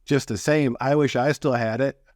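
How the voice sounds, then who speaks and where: A man's voice: mid-range voice, fairly even intonation, normal speed, darkish tone, dry recording, clean studio sound. A male show host chatting casually and telling rambling, self-deprecating stories. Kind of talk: casual chat.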